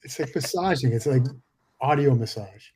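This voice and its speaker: A man co-hosting a live paranormal stream, offhand and low-key, calling out names for the spirits. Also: animated, moderate pace, warm tone, husky. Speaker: co-host.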